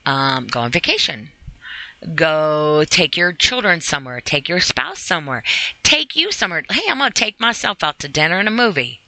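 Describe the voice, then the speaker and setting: A podcast host reads from a sobriety e-book and adds informal motivational commentary, earnest and conversational, frequently addressing the listener directly. Her voice is on the low side with a sharp tone, and the audio is dry and poor.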